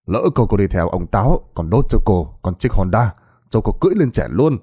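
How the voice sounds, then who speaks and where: A man voicing a weary young policeman who speaks low and reluctantly. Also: sing-song, a little fast, warm tone, slightly rough. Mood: resigned. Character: weary young male policeman, patient and resigned.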